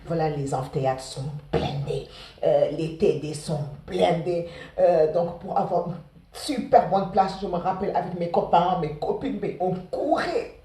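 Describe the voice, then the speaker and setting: A woman in her forties with a Senegalese accent, talking fast and casually to students about her studies, repeating words and leaning on fillers. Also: fairly low pitch, mellow, recorded from a distance. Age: 40s. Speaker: care assistant sharing her study path. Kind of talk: casual spoken testimony to students. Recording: roomy sound, from off the mic.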